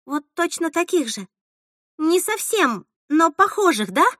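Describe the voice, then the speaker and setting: Woman doing a scared teen girl for an audiobook: high, timid, halting, dry close mic. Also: very animated, fairly bright tone, dry recording, heavily acted. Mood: frightened. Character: frightened teenage girl Nastya. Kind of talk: audiobook reading.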